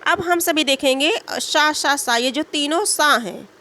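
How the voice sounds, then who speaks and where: Woman teacher, high voice, grammar lesson, repeats points, asks rhetorical questions. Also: measured pace, bright, forceful tone.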